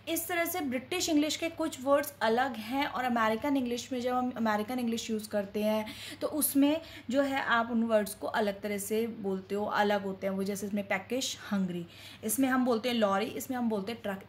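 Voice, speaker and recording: Higher-voiced woman teaching. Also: slight background noise. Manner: asks a question, then answers it herself; addresses viewers as friends. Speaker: English teacher. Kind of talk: classroom-style teaching.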